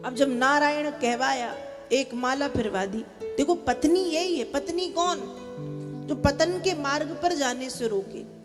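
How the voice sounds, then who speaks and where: High-voiced woman preaching in a hall. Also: measured pace. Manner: animated, urges the audience to chant and clap. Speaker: devotional storyteller. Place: large hall with a live audience. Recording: long hall reverb with faint music.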